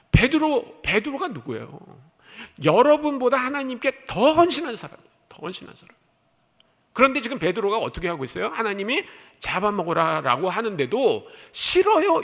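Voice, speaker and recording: A male missionary preacher giving an animated sermon in a church, reading scripture and asking the congregation questions. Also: sits high. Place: church sanctuary. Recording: echoey church hall.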